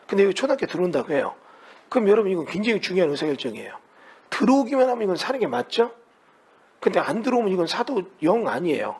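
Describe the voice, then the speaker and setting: A man's voice: high voice, husky. A man teaching a real estate class in a conversational way, often putting rhetorical questions to his students. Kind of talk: classroom lecture.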